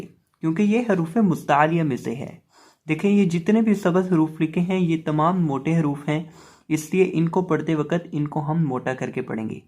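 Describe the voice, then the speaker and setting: A man teaching the pronunciation of letters in a step-by-step lesson, calling out each letter loudly and drawn out, then explaining calmly. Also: a little high. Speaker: Quran reading teacher.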